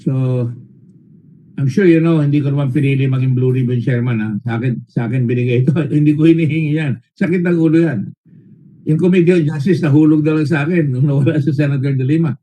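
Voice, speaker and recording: Filipino man, committee chair, stern questioning, dark mellow tone, halting fillers, mixes English and Tagalog. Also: a little high, fairly even intonation, rough recording. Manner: stern, lecturing, with frequent halting fillers and repeated words; switches between English and Tagalog mid-sentence. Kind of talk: formal hearing interrogation.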